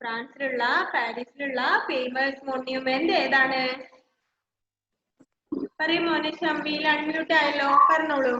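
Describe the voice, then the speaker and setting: A woman's voice: sits high, level tone, a little slow, long pauses, background noise. A woman with a Malayali English accent, teaching young children in an online class and coaxing them with repeated questions. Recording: echoey, slightly dull video-call audio.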